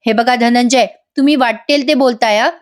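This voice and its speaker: A woman's voice: a little high, steady tone, moderate pace, lightly acted. A woman doing a firm defiant mother.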